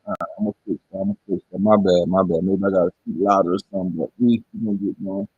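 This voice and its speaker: A man's voice: low voice, fairly even intonation, racing, slightly rough, no room sound. A man hosting a casual livestream in a laid-back, rambling way, talking straight to his viewers, his sound muffled as if heard through a wall. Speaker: livestream host. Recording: dull, muffled livestream audio.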